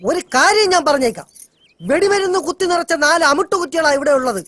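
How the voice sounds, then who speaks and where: An actor playing a cowardly, boastful sidekick in a Malayalam film comedy, dramatic and whiny, over background music. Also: male voice, very high-pitched, animated, fast talker, bright, forceful tone, dry recording, heavily acted. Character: scrawny, cowardly, boastful male sidekick with sly bluster.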